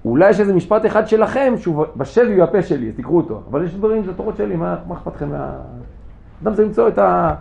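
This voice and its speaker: A male yeshiva rabbi gives an informal Torah class, his voice slightly high and creaky in a casual teaching style. He's lively, quizzing his students and cracking jokes. The room recording is dull, muffled and lo-fi, with faint hiss.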